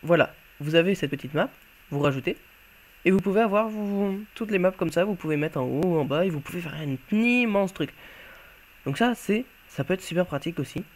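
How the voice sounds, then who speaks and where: A man's voice: high voice, expressive, fairly quick, slight background noise. A man giving casual gameplay commentary as he shows off a game mod, talking offhandedly and thinking aloud while he plays. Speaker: YouTuber showcasing a game mod.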